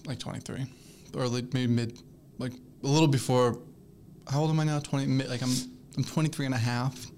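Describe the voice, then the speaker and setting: A podcast co-host in his twenties talks fairly quickly in a steady, medium-pitched, darkish voice, rambling through casual chat with lots of fillers and restarts. He laughs easily and gets flustered when teased, and there's a little hiss or hum.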